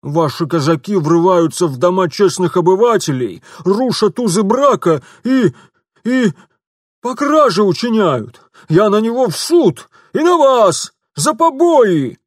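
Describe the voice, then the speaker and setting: A man's voice: high voice, big pitch swings, a little slow, no echo, studio quality, pitched above the performer's own voice, full character voice. A man voicing a whiny, indignant middle-aged shopkeeper who squeals and complains.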